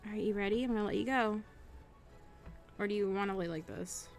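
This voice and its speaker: A woman's voice: mid-range voice, fairly quick. A woman streaming live, chatting casually as she plays, cooing at her pets and swearing freely. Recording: music playing under the voice. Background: background music.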